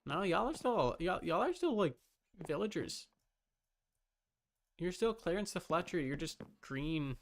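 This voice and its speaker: During a game livestream, a very animated man with a high voice speaks at a measured pace with long pauses, over a faint hiss or hum. He keeps up loose, informal commentary, muttering both to himself and to the chat.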